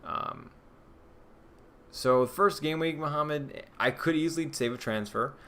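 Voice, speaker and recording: A man's voice: fairly high pitch, a little slow, a bit bright, a little hiss or hum. A young man streaming live, casually thinking aloud and answering viewer questions with plenty of ums and restarts. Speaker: fantasy football streamer.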